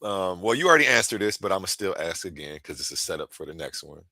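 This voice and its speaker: A man interviewing a guest in a relaxed way, correcting himself as he asks his questions. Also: deep voice, fast, dry recording. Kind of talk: casual interview.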